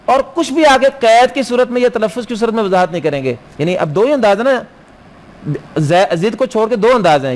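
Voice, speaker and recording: A man teaching Quran recitation rules in a classroom lecture, quizzing his students and answering his own questions, and slowly chanting Arabic verse lines. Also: sits high.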